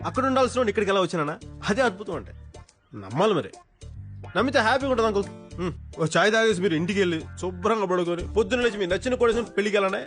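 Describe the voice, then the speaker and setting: An actor playing a cheeky young man in a film scene, teasing people in a quick, playful way. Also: high voice, expressive, fairly bright tone, soft background music. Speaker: film hero. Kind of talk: film dialogue.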